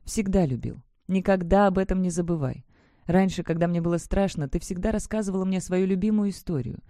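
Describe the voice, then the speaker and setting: A woman voicing a gentle young man saying farewell to his sister, in an audiobook reading, soft-spoken and earnest. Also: on the low side, brisk, no echo, studio quality, lightly acted. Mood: tender.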